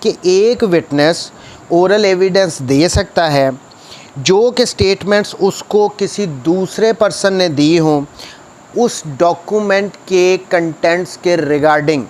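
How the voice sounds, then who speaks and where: A man with a Pakistani accent gives a didactic, explanatory law lecture, reading statutes, paraphrasing them, and repeating key points for emphasis. His voice is fairly high-pitched. The audio is poor, with a little hiss or hum.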